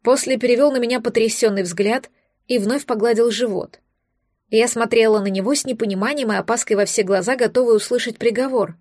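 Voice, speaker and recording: A woman's voice: fairly high pitch, fairly quick, a little mellow, no echo. Dry, close woman narrating a fantasy romance. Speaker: audiobook narrator.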